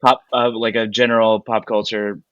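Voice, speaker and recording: A man talks as a podcast guest in a loose, rambling way, stopping and restarting with plenty of laughter. His voice is sharp and bright, recorded close and dry with no room around it. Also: fairly low pitch, level tone, normal speed, no echo, lo-fi sound. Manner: rambling, hesitant, laughs often. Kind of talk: casual film chat.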